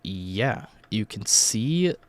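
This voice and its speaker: Low-voiced hungover young American storyteller guy. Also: very animated, extremely slow. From Virginia, United States. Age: young adult. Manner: rambling, profanity-laden, informal. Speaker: YouTube host telling life stories. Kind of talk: casual storytelling vlog.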